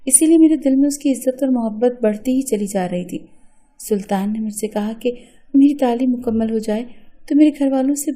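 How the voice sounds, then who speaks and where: A woman's voice: fairly high pitch, dark tone. A woman narrating an emotional first-person story in an earnest storytelling manner.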